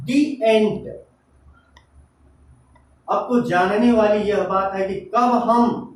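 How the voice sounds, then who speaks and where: A man teaching an English grammar lesson, explaining step by step and asking himself questions, then answering them. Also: high voice. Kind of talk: classroom-style grammar lesson. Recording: echoey room, voice from a distance, faint noise.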